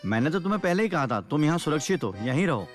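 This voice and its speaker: A quick-talking young villager. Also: male voice, a little high, sing-song, faint music behind. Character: young village man, the aunt's son.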